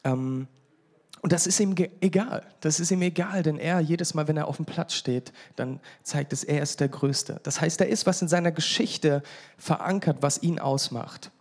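A man's voice: a little high, moderate pace, darkish tone. A pastor in his thirties from England giving a conversational sermon, joking with the congregation now and then. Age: 30s.

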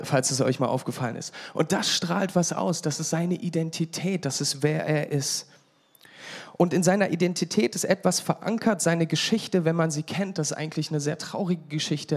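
A pastor in his thirties from England giving a conversational sermon, joking with the congregation now and then. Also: a little high. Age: 30s.

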